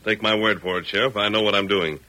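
An actor playing a masked western hero, firm and authoritative, in 1940s radio acting style. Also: male voice, fairly low pitch, fairly even intonation, fast, bright, forceful tone. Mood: grave. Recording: old radio broadcast recording.

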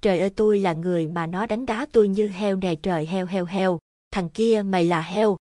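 Cruel shrill-tongued butcher's wife read by a female narrator, close and dry, storybook horror. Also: brisk, dark tone, no room sound, close to an everyday voice. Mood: wailing. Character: vicious scheming wife of a butcher, screaming.

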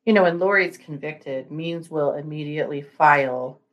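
A woman's voice: low-pitched, moderate pace, dull audio. A woman co-hosting a casual livestream, joking playfully and a bit drowsy from just waking up. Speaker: livestream co-host.

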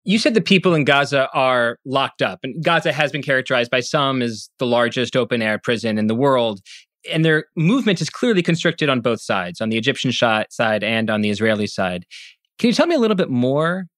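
A man's voice: mid-range voice, expressive, fairly quick, a bit bright, no room sound, studio quality. A man hosting an interview, building his questions step by step. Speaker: host.

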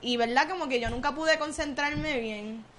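A young Puerto Rican woman co-hosts a relaxed podcast chat, her voice pitched high and bright. She talks loosely and chattily, mixing English phrases into her Spanish. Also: moderate pace, slight background noise. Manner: chatty, mixes in English words. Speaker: podcast co-host. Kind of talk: casual chat reviewing films and series.

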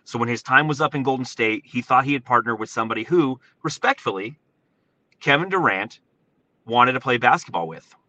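An American man hosting a casual live sports commentary from inside his parked truck, talking in an animated, informal, emphatic way. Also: mid-range voice, brisk, no echo. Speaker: sports podcast host. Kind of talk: excited solo sports commentary, casual livestream.

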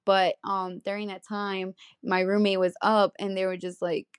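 A woman's voice: medium pitch, little pitch movement, moderate pace, clean tone, dry recording, clean studio sound. A young woman, a podcast guest, telling stories in casual chat with many fillers. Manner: chatty storytelling with many fillers.

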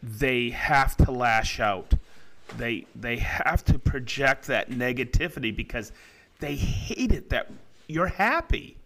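A middle-aged man co-hosting a casual podcast, animated and quick to laugh. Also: mid-range voice, slight background noise. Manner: animated, laughs loudly and often, reads comments in mock voices. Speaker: podcast co-host. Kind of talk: casual chat.

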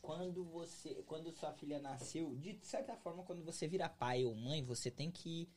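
A man's voice: a little high, moderate pace, a little mellow, slight background noise. A man with a Brazilian Portuguese accent, hosting a casual interview and asking loose questions full of slang. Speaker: podcast host.

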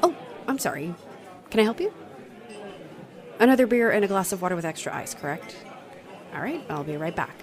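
A woman's voice: mid-range voice, big pitch swings, a little fast, long pauses, a crowd in the background, lightly acted. Woman playing a flustered starstruck young bartender. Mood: apologetic, chatty. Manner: flustered, apologetic, gushing with nervous laughs. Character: young female bartender, bubbly starstruck fight fan. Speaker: roleplay voice performer. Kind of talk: audio roleplay acting.

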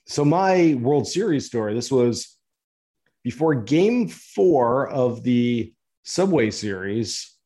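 A man co-hosting a podcast, telling a long story in a relaxed, chatty way with frequent laughter. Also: medium pitch, slow. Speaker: podcast co-host. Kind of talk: casual chat, storytelling.

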